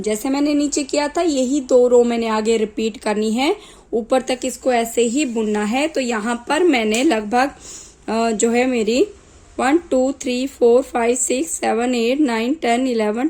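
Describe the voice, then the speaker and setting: A woman walks viewers through a knitting pattern in a calm, unhurried way, counting stitches aloud one by one. Her voice sits a little high and sounds slightly off from a sore throat, and she speaks very slowly. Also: low-quality recording. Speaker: knitting tutor. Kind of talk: slow step-by-step craft tutorial.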